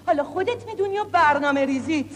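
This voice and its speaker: Brief: woman plays a sharp, demanding director with a high voice and curt, sarcastic delivery. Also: lightly acted. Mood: irritated.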